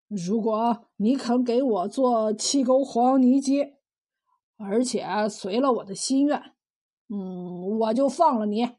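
A woman storyteller plays a lecherous male villain from a spoken folk tale. He drawls slowly and wheedles, his voice warm and mellow yet sleazy. Every word leers and bargains. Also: on the high side, pitched below the performer's own voice. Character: leering lecherous middle-aged male collaborator villain.

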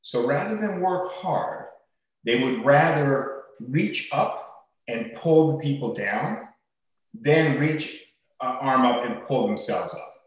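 A man's voice: expressive, slow. Man in a cave-echo empty room. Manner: emphatic, swears, jumps between pitches. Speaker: podcast co-host. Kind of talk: casual podcast chat.

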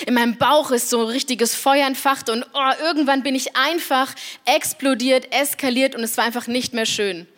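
Higher-voiced woman giving a devotional talk. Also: fairly bright tone. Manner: personal, confessional, addresses listener directly. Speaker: church speaker.

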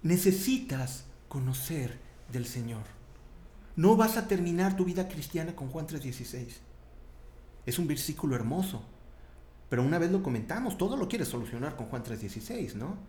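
A man's voice: a little high, moderate pace, reverberant. A man with a Mexican accent preaching a sermon in a chatty, conversational way, often tagging his sentences with questions. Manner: conversational, animated, tag questions.

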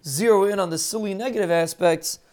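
A man with a Yiddish-inflected accent giving an informal sermon in an earnest, halting, emphatic way, often repeating phrases. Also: high-pitched, darkish tone. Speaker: religious speaker giving a short daily talk.

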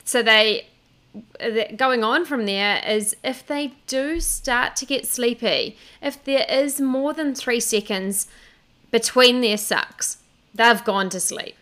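Bright, smooth-voiced woman. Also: fairly high pitch, slow pace. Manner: explaining step by step, fillers and restarts. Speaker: podcast co-host. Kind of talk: casual advice chat.

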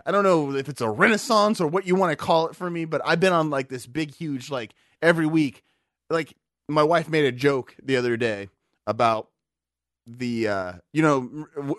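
Man, tipsy, rambling, profane, slightly high voice, dry close sound. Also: a bit bright, no room sound. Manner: rambling, profane, lots of restarts and fillers. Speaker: podcast co-host. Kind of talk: casual chat.

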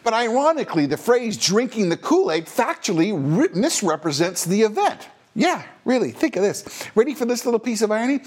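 Lively, high-pitched wry male host. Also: husky. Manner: wry, sarcastic, theatrical emphasis. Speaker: podcast host. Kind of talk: scripted monologue commentary.

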